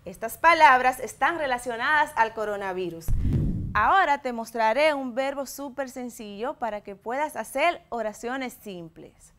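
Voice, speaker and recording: A Dominican woman in her thirties, an English teacher, giving a televised lesson to schoolchildren and slowly modelling sentences in both languages with a Dominican Spanish accent. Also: on the high side, animated, sharp tone. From Dominican Republic. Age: 30s. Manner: slow, clear bilingual explaining, modelling words for repetition.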